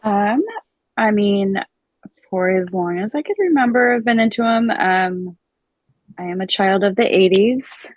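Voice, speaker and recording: A woman's voice: mid-range voice, a little slow, dry recording. A woman in her forties, a guest artist, speaking hesitantly with many "um" fillers. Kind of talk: casual interview chat.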